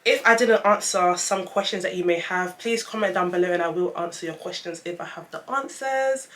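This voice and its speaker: A woman's voice: fairly low pitch, brisk, fairly bright tone. A young woman with a lisp with whistling s sounds, chatting casually and emphatically as she reviews a product in a vlog. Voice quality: lisp with whistling s from dental aligners. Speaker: vlogger reviewing trainers.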